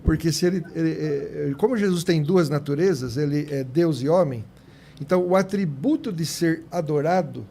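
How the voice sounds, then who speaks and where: A man's voice: high-pitched, darkish tone, a little hiss or hum. A Brazilian man explaining religious arguments as a teacher on a panel, didactic and point by point, with small checking tags. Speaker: theology teacher on a radio panel.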